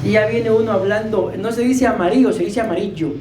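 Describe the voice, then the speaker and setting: A woman's voice: fairly high pitch, fairly even intonation, a little fast, echoey room, noisy background. A woman preaching a sermon to her congregation, firing rhetorical questions at them and calling for amens. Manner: calls for amens.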